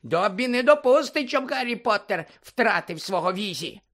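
A man voicing an excitable male house-elf servant, in a squeaky, high-pitched voice, eager and pleading, who talks about himself in the third person. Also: normal speed. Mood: earnest. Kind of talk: audiobook character voice.

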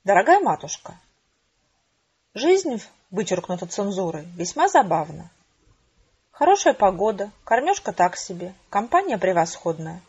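A woman reading the letter of a young male soldier writing to his mother, in a wry, cheerful manner with a husky voice. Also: mid-range voice, sing-song, measured pace, long pauses, a little mellow, muffled recording, exaggerated voice.

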